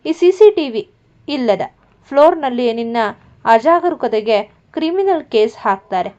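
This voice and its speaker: A woman's voice: on the high side, moderate pace, a little mellow, lightly acted. A woman voicing a spiteful, scheming young woman who taunts and mocks, in a storybook reading with a muffled lo-fi sound. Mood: mocking. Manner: mocking, taunting. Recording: muffled lo-fi recording.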